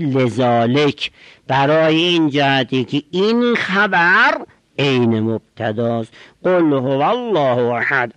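A man with a mid-range, slightly bright voice of clear, resonant tone gives a traditional grammar lesson, reading brief Arabic phrases and unpacking each at a measured pace. There's no echo, though the audio is dull.

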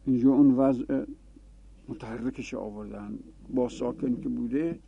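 Gravelly-voiced man teaching grammar, phone-like sound. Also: medium pitch, fairly even intonation, a little hiss or hum. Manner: explanatory, repeats example forms aloud. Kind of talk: classroom grammar lesson. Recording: tinny phone-like dry recording.

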